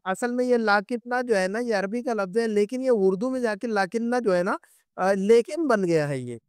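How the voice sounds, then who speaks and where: High-voiced man teaching Arabic. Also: clear, resonant tone, no room sound, clean studio sound. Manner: patient, repeats and checks with students. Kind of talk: online class lecture.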